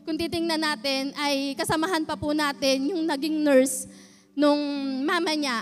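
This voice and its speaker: A woman giving a nervous, halting, earnest personal testimony at a church service. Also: high voice. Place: church hall. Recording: reverberant church hall.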